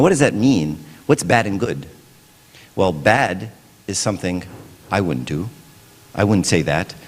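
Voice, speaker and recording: A man giving a casual, conversational sermon in a church, often checking in with the listeners by asking "right?". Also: on the low side. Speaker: preacher. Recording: long church reverb.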